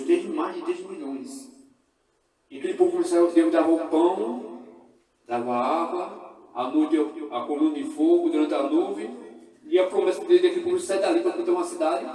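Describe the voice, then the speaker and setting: A high-voiced Brazilian man preaching with fervor, dropping low and rising loud by turns. He is heard from a distance in a very echoey church hall. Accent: Brazilian Portuguese. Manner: fervent, shifting between hushed and loud. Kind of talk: sermon. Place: church service. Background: congregation responding.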